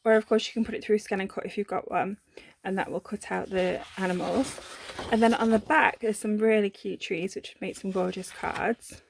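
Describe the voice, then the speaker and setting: A woman's voice: medium pitch, steady tone, normal speed, gravelly, a little hiss or hum. A woman, from the UK, chatting casually through a papercraft unboxing, gushing about the items with lots of ums and self-corrections. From United Kingdom. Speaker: papercraft vlogger.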